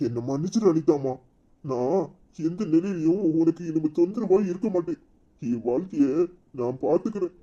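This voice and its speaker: A man's voice: on the high side, animated, moderate pace, mellow, highs cut off. A man voicing a remorseful elderly father in a cartoon serial, with a Tirunelveli Tamil accent, humbly pleading for forgiveness. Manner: humble, pleading, meek agreement.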